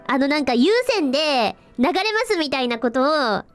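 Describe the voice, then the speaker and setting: A woman's voice: high-pitched, normal speed, faint music behind. A woman streamer chatting casually, telling an embarrassed story with giggles, calling herself the captain. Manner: animated, giggly, self-deprecating storytelling; refers to herself in third person as captain. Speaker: virtual streamer. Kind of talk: casual livestream chat.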